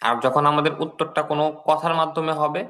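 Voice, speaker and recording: A man's voice: a little high, level tone, quick pace, a bit bright. A man with a Bangladeshi Bengali accent teaching an English class, patiently repeating each word and translating it. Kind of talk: online class lecture.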